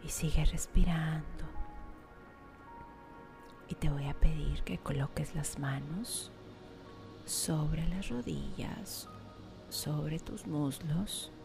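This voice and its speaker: A woman guiding a meditation in a soft, half-whispered, slow and soothing way. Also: low-pitched, creaky. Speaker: meditation guide. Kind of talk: guided meditation. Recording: music playing behind.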